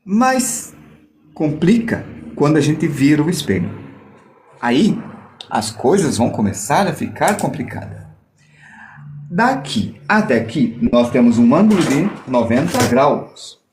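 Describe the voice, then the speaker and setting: Lively playful male drawing teacher. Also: a little high, a little hiss or hum. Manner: playful, jokes with viewers while demonstrating. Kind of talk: live online art lesson.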